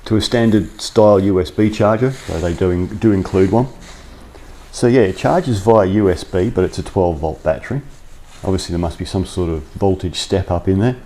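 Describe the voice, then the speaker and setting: Deep mellow-voiced guy rambling thru a jacket review in a cold workshop, bit of hiss behind. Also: moderate pace. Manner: chatty, informal, thinks aloud. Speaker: workshop vlogger. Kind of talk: casual product review. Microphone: clip-on lapel mic.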